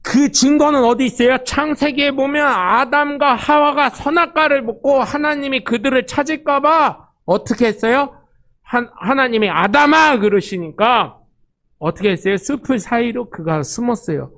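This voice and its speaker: A man's voice: very high voice, moderate pace. A male pastor preaching a sermon, telling stories and acting out the quotes in them. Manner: storytelling, animated, acts out quotes.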